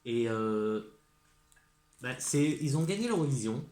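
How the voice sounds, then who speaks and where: A man's voice: mid-range voice, expressive, a little slow, darkish tone, reverberant. A man with a French accent chatting casually as a vlogger, hesitant and full of fillers, and eagerly repeating his praise. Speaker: vlogger presenting gift ideas. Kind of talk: casual chat to camera.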